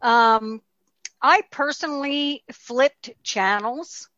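A woman's voice: high voice, drawn-out words, sharp tone, no room sound. A middle-aged woman co-hosting a casual political chat show with her son, chatty and full of "um"s. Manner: chatty, frequent fillers. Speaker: podcast co-host. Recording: slightly dull, muffled audio.

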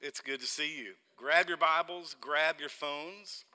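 A man's voice: a little high, measured pace, sharp tone. A man with an Arkansas accent preaches as a missions pastor in a folksy way, repeating phrases and putting questions to his listeners. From Oklahoma, United States. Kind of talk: sermon to a congregation. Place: large reverberant church room. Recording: long hall reverb.

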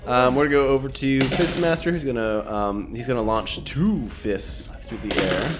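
A man's voice: medium pitch, moderate pace. Male game master, mid-range voice, easygoing and hesitant, faint music bed behind. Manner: casual, hesitant with many ums, vivid gross-out narration. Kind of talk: narrating a tabletop game.

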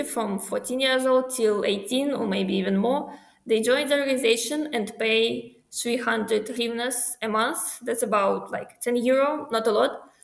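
A young Ukrainian woman speaks in a slightly high voice with a gravelly edge, her English thoughtful and halting. The room around her is roomy and echoey. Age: young adult. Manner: thoughtful, halting non-native phrasing. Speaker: guest. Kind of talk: casual interview answers.

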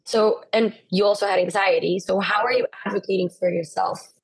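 A woman co-hosting a podcast interview, asking questions in a gentle, measured way. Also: medium pitch, fairly even intonation, slightly rough. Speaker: podcast co-host. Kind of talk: conversational interview.

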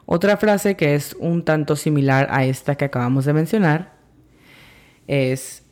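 A teacher giving a podcast language lesson who talks slowly and carefully, spells words out sound by sound, and repeats example phrases for practice. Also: medium pitch, darkish tone. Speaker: English teacher.

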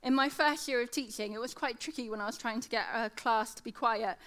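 Delivering a sermon-style devotional talk with scripture reading, a woman in her thirties who teaches secondary school speaks a little fast. Her voice is fairly high with a fairly bright tone, and her lateral lisp turns s sounds slushy.

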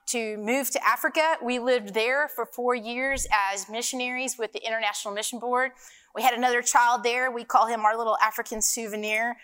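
Smooth, high-voiced Arkansas woman in a hall. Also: bright, forceful tone. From Arkansas, United States. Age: middle-aged. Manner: chatty, folksy, frequent rhetorical asides. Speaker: conference speaker. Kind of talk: informal talk to an audience. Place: conference hall. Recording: long hall reverb from live event.

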